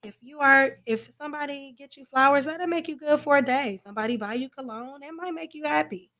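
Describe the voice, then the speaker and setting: A woman's voice: high voice, a little fast, pushed and bright. A woman in her forties co-hosting a livestream from her home, chatting casually, laughing often and repeating phrases for emphasis. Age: 40s. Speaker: livestream co-host. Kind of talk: casual chat.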